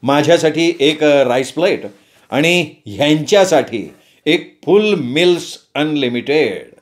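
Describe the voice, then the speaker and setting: A man voicing a calm, scheming young man who speaks in a measured way. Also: fairly high pitch.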